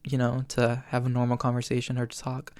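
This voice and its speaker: Talking a little fast in a mid-range voice, a young podcast host in his twenties answers listener questions solo, chatty and earnest with ums and small laughs. His tone stays fairly flat and even, smooth and clear despite a tired edge he admits can crack. He's recorded close-miked in a dry room with no echo.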